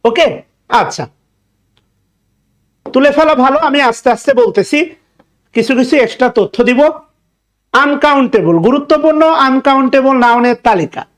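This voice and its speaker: A man's voice: extremely high pitch, expressive, moderate pace, long pauses. A man with a Bangladeshi Bengali accent giving an exam-prep English grammar lecture, repeating key words, joking and asking if students follow.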